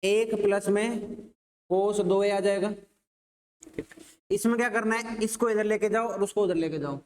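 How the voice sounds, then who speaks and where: A man's voice: high voice, measured pace, a little mellow. A male maths teacher with a Rajasthani Hindi accent gives a classroom lecture, asking the class questions and then answering them himself.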